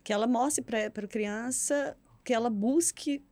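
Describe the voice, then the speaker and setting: A woman's voice: fairly high pitch, a little slow, a little mellow, no room sound. A woman hosting a podcast, chatty, who sums up her guests' points for the listeners. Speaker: podcast host. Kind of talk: casual chat.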